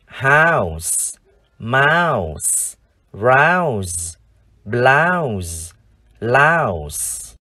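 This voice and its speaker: A man with a Vietnamese accent teaching English vocabulary in a formal, slow lesson style, repeating each word for practice. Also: mid-range voice, no room sound, clean studio sound. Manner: formal, addresses "dear viewers", repeats words slowly for practice.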